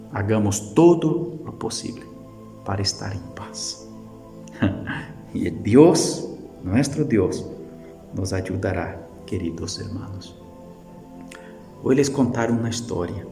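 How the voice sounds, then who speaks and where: A male pastor with a Brazilian Portuguese accent and Portuguese as his first language, giving a gentle, halting sermon with storytelling. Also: on the low side, creaky. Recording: echoey hall with faint music.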